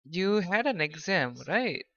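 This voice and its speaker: Speaking slowly in a high, very animated, slightly bright voice, this game streamer chats with his viewers in a half-distracted way during a casual livestream. His mic has a dull, lo-fi quality.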